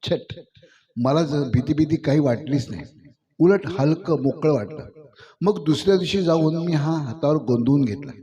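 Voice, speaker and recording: A male reader voicing a bold, self-assured young village woman who speaks with confident, teasing ease, in a slightly high, mellow voice. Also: natural voice. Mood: earnest.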